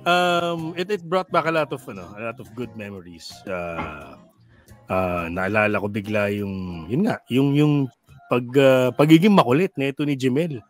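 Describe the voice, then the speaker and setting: A man's voice: medium pitch, expressive, moderate pace, soft background music. A middle-aged man, a radio DJ guest, chatting casually in a joking, rambling way, mixing in English and many fillers. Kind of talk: casual studio chat.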